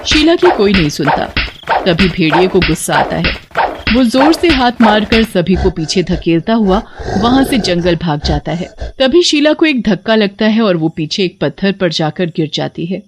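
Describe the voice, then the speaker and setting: A woman narrating an animated horror story in a steady, even storytelling manner. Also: mid-range voice, moderate pace, heavy background noise. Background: faint music.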